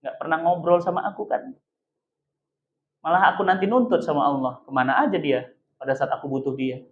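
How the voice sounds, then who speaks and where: A preacher voicing a sullen grown child resentful of a distant father, in a quiet, flat voice. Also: on the high side, fairly quick, a little hiss or hum, voice pushed down, close to an everyday voice. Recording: echoey, dull room sound.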